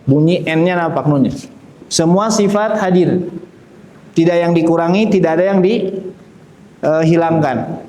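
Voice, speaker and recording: A man's voice: a little high, unhurried, long pauses, dark tone, a little hiss or hum. A man teaching Quran recitation, patiently explaining and modelling sounds for students to repeat. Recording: echoey room.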